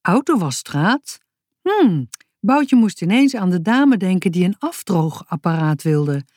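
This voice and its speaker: A woman narrating a children's story aloud in an expressive, lively way. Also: fairly low pitch, moderate pace, no echo, studio quality.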